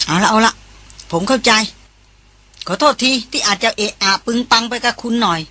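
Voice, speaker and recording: A woman's voice: a little high, moderate pace, pushed and bright, husky. A woman voicing a tough, hot-tempered male jungle guide who talks in clipped, scolding commands in an audiobook. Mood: stern.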